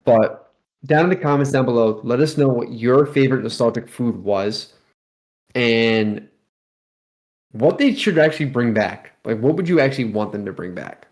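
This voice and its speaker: A man's voice: mid-range voice, expressive, normal speed, a little mellow. A man chats casually as a podcast co-host in a mid-range voice. He talks in slang and leans into exclamations, keeping it loose and conversational. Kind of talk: casual chat.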